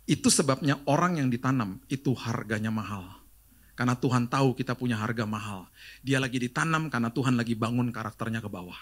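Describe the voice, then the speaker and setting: A man's voice: medium pitch, a little fast. A middle-aged Indonesian man, a pastor giving a sermon, telling stories with acted-out dialogue and jokes. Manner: lively storytelling with quoted dialogue and jokes.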